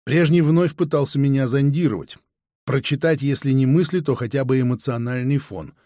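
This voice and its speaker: A man narrating a first-person audiobook with steady storytelling. His voice sits at a middle pitch and the recording is dry and close. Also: moderate pace, no room sound.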